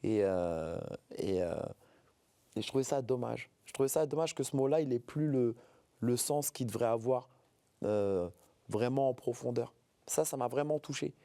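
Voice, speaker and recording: Warm-voiced hesitant man in his forties. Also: mid-range voice, expressive, normal speed, dry recording. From France, Paris suburbs. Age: 40s. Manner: hesitant, repeats words, heartfelt. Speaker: interview guest, comedian. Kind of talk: earnest interview talk.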